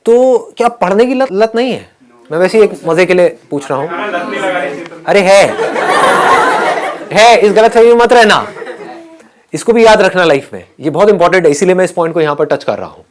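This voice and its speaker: A man's voice: high voice, lively intonation, brisk, pauses often, crowd noise. Guy doing a motivational talk in a hall, jokey, laughs with the audience. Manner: playful, laughing, teasing the audience. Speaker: motivational speaker. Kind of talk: interactive motivational session with an audience.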